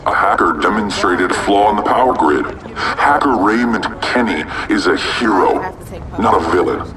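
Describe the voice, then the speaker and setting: An actor playing a solemn male announcer giving a measured, declamatory broadcast in a video game. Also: on the low side, lively intonation, natural voice. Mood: stern. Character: solemn male announcer delivering a public warning. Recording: distant, crowd noise behind.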